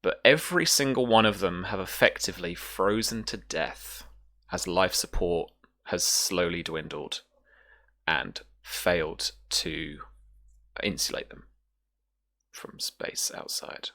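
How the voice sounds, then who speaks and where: Narrating a sci-fi tabletop roleplaying game, a game master speaks in short, hesitant phrases broken by deliberate pauses. His voice sits low with a fairly bright tone.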